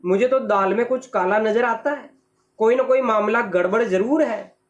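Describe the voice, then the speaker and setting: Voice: mid-range voice, normal speed, dull audio, natural voice. A teacher voicing an anxious, suspicious lamp post that frets and repeats words, in a voiced reading of a children's play. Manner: whispery, fretful, repeats words.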